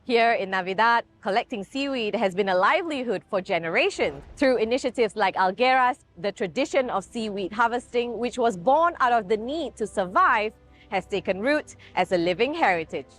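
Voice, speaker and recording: A woman giving smooth, even scripted documentary narration. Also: on the high side, moderate pace, soft background music.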